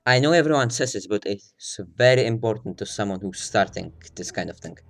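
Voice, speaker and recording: A man's voice: lowish voice, expressive, a little fast, gravelly, faint music behind. A man giving a casual, rambling game guide while recording under a blanket, sounding slightly out of breath and self-deprecating. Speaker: video game guide maker.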